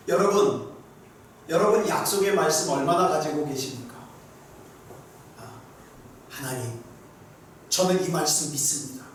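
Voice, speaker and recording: Animated preacher in an echoey sanctuary. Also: male voice, sits high. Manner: animated storytelling with rhetorical questions to the congregation. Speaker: pastor. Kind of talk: sermon. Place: church sanctuary. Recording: echoey sanctuary, mic far off.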